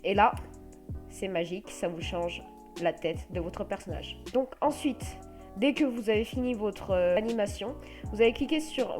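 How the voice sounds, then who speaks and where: Walking through a software tutorial one step at a time, a French-accented woman speaks casually in a mid-range voice. As the host, she hesitates often, filling her speech with fillers.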